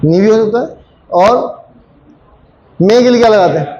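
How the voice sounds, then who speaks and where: A man's voice: high voice, normal speed, darkish tone, muffled recording, a little hiss or hum. A man teaching a Japanese grammar lesson to a classroom of students, repeating phrases and quizzing them with frequent questions.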